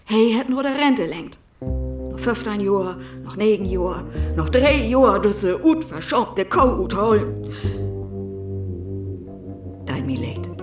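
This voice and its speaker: A woman speaking with a Low German accent, acting a wistful role in a radio play and drifting into whispers. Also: sing-song, slow pace, pauses often, over music.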